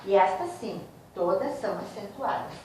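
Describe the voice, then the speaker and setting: A woman teacher, giving a slow, explanatory grammar lesson and speaking directly to her students. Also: medium pitch, animated, a little mellow, recorded from a distance, slight background noise. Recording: very echoey room, voice from off mic.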